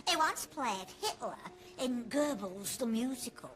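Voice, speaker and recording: A woman's voice: on the high side, expressive, unhurried, fairly bright tone. An actress playing a chirpy, suggestive female swinger on holiday. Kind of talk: sitcom acting.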